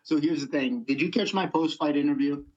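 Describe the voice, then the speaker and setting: Blunt, profane young fighter. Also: male voice, on the high side, fairly quick, lo-fi sound. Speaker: MMA fighter guest. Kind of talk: casual interview.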